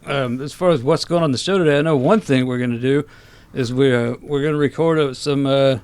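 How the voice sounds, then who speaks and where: A man's voice: medium pitch, a little fast, darkish tone, clear, resonant tone, dry recording. A man co-hosting a casual podcast, laughing along and explaining things plainly. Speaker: podcast co-host.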